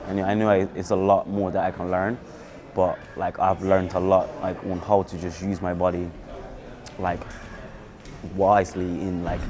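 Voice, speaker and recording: A young man with a very deep voice speaks casually in a documentary interview. His talk is loose and relaxed, with a lot of "like" as a filler. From Bermuda. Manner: casual, lots of "like". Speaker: dancer.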